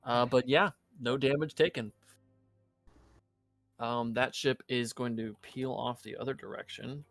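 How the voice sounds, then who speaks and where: A man narrating as game master of a tabletop game, relaxed and often laughing, with many ums. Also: medium pitch, a little slow, dry recording, soft background music.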